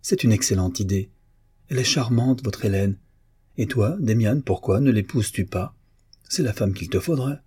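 A man's voice: on the low side, moderate pace, dark tone, slightly rough, no room sound. A man reading the part of a cheerful young man teasing his friend in an audiobook, bantering in a mock-solemn way.

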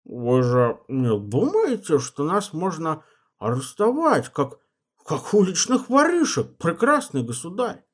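A man's voice: on the high side, huge pitch swings, a little slow, slightly rough, pitched above the performer's own voice, heavily acted. A man voicing a shocked, outraged male nobleman who sputters indignantly.

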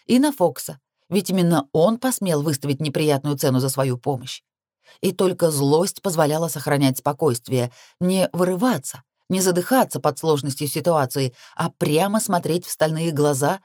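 A woman reading a first-person audiobook, steady and rising sharply on tense phrases. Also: sits low, no echo, studio quality. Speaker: audiobook narrator.

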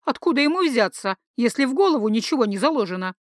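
A woman voices an indignant, stubborn young woman who is sharp-tongued and principled, firing off mocking retorts. Her voice sits on the high side, very animated and quick, in a dry, studio-quality recording.

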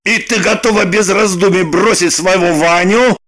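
A woman voicing an angry, scheming young man in an audiobook, with gruff, scornful shouting. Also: mid-range voice, fairly even intonation, moderate pace, lightly acted. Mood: wary. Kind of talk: audiobook narration with voiced characters.

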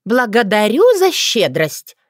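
A woman narrator voicing a cheeky, sharp-tongued young witch who talks boldly and sassily. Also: fairly high pitch, sing-song, normal speed, dry recording, studio quality, pitched above the performer's own voice. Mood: indignant. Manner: bold, sassy and indignant.

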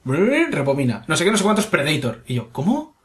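A man's voice: fairly high pitch, wildly swooping pitch, brisk, fairly bright tone. A man with a Spanish accent from Spain, co-hosting a casual podcast, reading listener comments aloud and swearing freely as he rambles. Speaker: podcast co-host.

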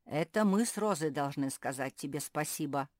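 A woman voicing a gentle male bulldog in a children's audiobook, speaking slowly and tenderly. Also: sits low, animated, no echo, studio quality, pitched below the performer's own voice. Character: male bulldog groom, deep-voiced and gentle.

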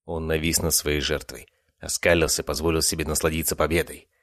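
A man narrating a fantasy audiobook with expressive storytelling. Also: very deep voice, fairly quick, no room sound, studio quality.

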